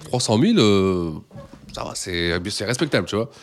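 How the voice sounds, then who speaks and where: A man's voice: fairly low pitch, sing-song, moderate pace, a little hiss or hum. A man co-hosting a casual radio-style chat, telling the story in an easy, rambling way full of fillers. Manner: storytelling, chatty, lots of fillers. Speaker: co-host. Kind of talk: casual hip-hop podcast chat.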